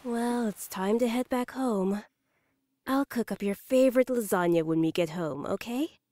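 A woman voicing a gentle caring mom. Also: on the high side, moderate pace, no room sound, studio quality, close to an everyday voice. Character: caring mother offering comfort.

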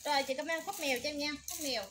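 A woman hosts a livestream sale, talking at a brisk clip in a high voice. She repeats codes and prices in a steady sales patter. Loud background noise and crinkling packaging sit under her voice. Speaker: livestream seller.

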